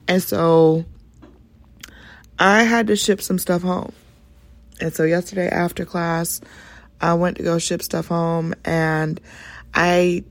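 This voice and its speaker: Female podcast host, low-pitched with a gravelly edge, casual animated storyteller. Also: dry recording. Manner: chatty and animated, jumps into high voices for quotes.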